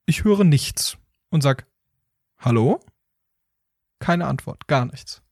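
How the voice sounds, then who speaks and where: A man's voice: a little high, slow pace, dry recording. A man with a slightly raised voice tells a story on a casual podcast, jumping into acted-out voices for phone agents and a clunky automated menu. The sound is dry and close to the mic. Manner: animated storyteller, acts out robotic phone menu and rude agents. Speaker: podcast host telling a story.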